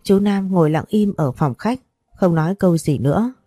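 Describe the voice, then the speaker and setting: A woman narrating a scripted first-person story in a steady, even manner. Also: on the low side, normal speed, husky, dry recording, studio quality, soft background music.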